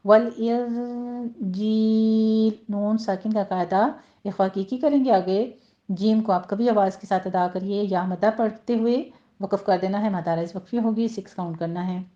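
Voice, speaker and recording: A woman teaching Quran recitation rules, explaining each point patiently and slowing right down to model the words herself. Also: medium pitch, mellow. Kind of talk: tajweed lesson with slow recitation. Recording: slightly dull lo-fi sound.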